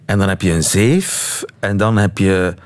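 A man's voice: sits low, a little slow. A man with a Flemish Belgian accent hosting a conversational radio interview, curious and often echoing back what he hears. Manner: curious, echoes answers back as questions.

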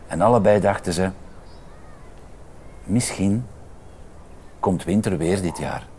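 A man reading a children's picture book aloud, expressive and shifting his voice for the characters. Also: slow pace, slight background noise. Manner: lively, expressive, voices characters with pitch changes. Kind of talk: children's story read-aloud.

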